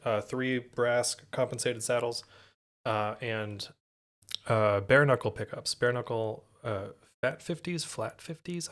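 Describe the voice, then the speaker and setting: A man's voice: mid-range voice, a bit bright. A man hosting a live stream, talking casually through a guitar pedal demo with loose, rambling explanations and self-corrections. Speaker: podcast host demoing guitar gear on a live stream.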